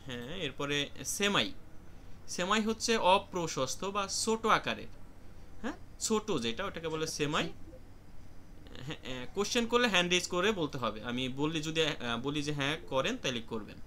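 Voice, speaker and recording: A man's voice: a little high, animated, moderate pace, pushed and bright, slight background noise. A man with a Bangladeshi accent teaching Japanese vocabulary in an online class, explaining each word and calling on students.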